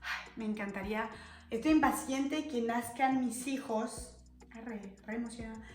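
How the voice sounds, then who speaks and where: A lively young French woman talking to camera in Spanish with a strong Argentine accent, slangy and animated. Her voice sits a little high. The room adds a roomy echo, with soft music under her. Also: unhurried. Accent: Argentine Spanish, from Buenos Aires province. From France. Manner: animated and slangy, jumping into shrill imitations. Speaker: vlogger. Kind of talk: casual storytelling monologue to camera.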